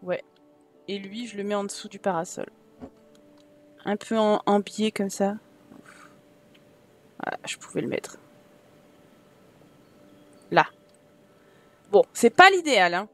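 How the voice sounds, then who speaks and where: A woman's voice: mid-range voice, expressive, slow pace, long pauses, a bit bright, faint music behind. A woman with a southern French accent giving casual let's-play commentary, chatting to her viewers and thinking aloud as she decorates. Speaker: gaming YouTuber.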